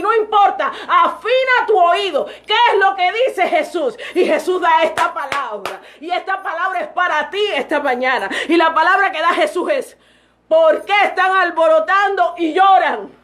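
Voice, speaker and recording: A woman's voice: very high-pitched, a bit bright. A woman preaching a sermon, fervent and breaking into exclamations of praise between phrases.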